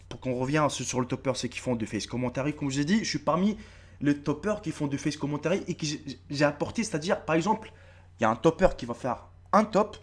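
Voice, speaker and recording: A man in his thirties with a North African French accent, talking straight to his viewers in a casual, swearing, repetitive vlog. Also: on the high side. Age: 30s. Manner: animated, swearing, repeating himself, addresses viewers directly. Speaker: YouTube video creator. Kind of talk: casual face-to-camera vlog.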